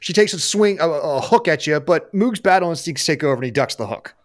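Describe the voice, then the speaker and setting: Animated male game master, higher-set voice. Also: brisk. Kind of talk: improvised tabletop game narration.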